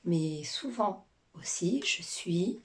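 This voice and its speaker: A woman voicing a little fish that tells its feelings, in whispered role-play, slow, soft and drawn out. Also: lowish voice, expressive, voice pushed down. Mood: hushed.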